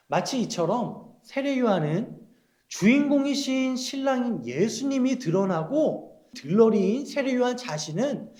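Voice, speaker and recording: Young male children's pastor, gentle questioning tone, lively and high pitch, roomy echo. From South Korea. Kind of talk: children's sermon.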